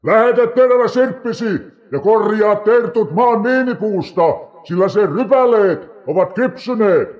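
A man voicing a proclaiming male angel of judgment, declaiming his words slowly and loudly. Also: sits high, expressive, dull audio, voice pushed up. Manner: declaiming, slow and raised.

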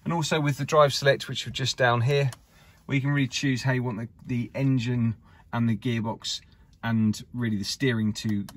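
Holding his own camera, a car dealer strolls around a used car in an indoor showroom, giving a casual walkaround in upbeat salesman style. His mid-range voice keeps a fairly even intonation at normal speed, with hardly any pauses.

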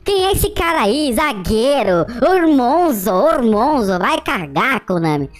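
A man with a Brazilian accent voicing a rude, grumbling alter ego of himself in a higher, pinched voice. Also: sing-song, takes it slowly, heavily acted. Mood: annoyed. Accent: Brazilian Portuguese.

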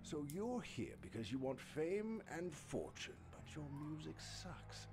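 A man's voice: fairly high pitch, sing-song, measured pace, over loud music. A man playing a sly devil in a video game, grandiose and mocking, with a salesman's patter. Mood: smooth, persuasive. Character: sly, theatrical male devil striking deals. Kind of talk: video game character acting.

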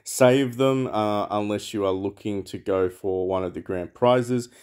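A man's voice: on the low side, a little slow, a little mellow, smooth. A man giving rambling, casual commentary over a mobile game, thinking aloud with lots of fillers. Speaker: mobile game channel host.

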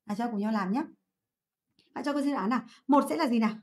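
A woman English teacher from Vietnam, giving a livestream exam review, asking her students questions and answering them herself. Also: fairly high pitch. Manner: drills English words by repeating them slowly.

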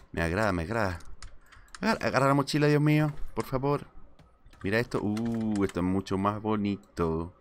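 A man streaming live gameplay, talking excitedly to himself and greeting his chat. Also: lowish voice, a little hiss or hum.

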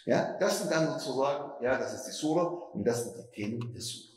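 A man's voice: medium pitch, expressive, brisk, a little mellow, roomy sound, low-quality recording. A man giving a Quran commentary lecture as imam, asking rhetorical questions and stretching words for emphasis.

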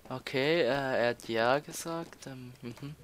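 This Austrian teen boy speaks at a medium pitch and an unhurried pace, with slight noise behind him. As a let's player giving casual commentary, he stalls often, repeats himself and fills gaps with filler words.

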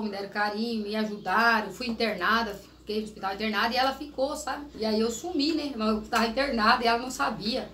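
A middle-aged Brazilian mother chatting casually on a family vlog, telling stories with lots of laughter and acting out voices. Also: fairly high pitch. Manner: storytelling, laughs often, acts out quoted voices loudly. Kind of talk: casual chat. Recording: echoey home room with faint noise.

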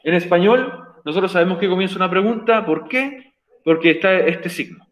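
A man explains grammar to his online class, patient and repetitive, stressing each point twice. His voice sits a little high. The sound carries a roomy echo over the video call. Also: brisk, muffled recording. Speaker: English teacher.

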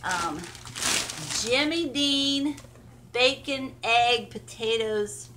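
In this relaxed haul vlog, an older woman takes items out of her shopping bags on her porch and in a carpeted room, chatting aimlessly and talking sweetly to her dogs. Her voice sits on the higher side, lively and full of stretched-out words, with noise in the background.

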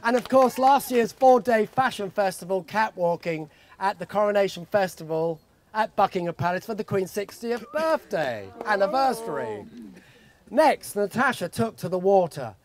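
High-voiced man, father of the bride speech. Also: lively intonation, moderate pace. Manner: jokey storytelling. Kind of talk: father of the bride wedding speech, read from notes. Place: outdoor garden wedding reception. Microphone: handheld microphone held close.

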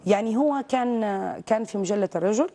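A woman's voice: a little high, fast, dark tone. A woman from Saudi Arabia, a visual artist, giving outspoken and emphatic answers as a guest in a TV interview. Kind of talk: TV interview conversation.

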